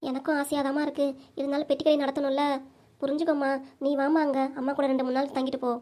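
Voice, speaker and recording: Give me a woman doing an insistent older cartoon mother with a southern Tamil accent, speaking fast in a narrow pitch range. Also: level tone, dark tone, natural voice. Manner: fussing, insistent. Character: worried older village mother, selfless. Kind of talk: cartoon voice acting.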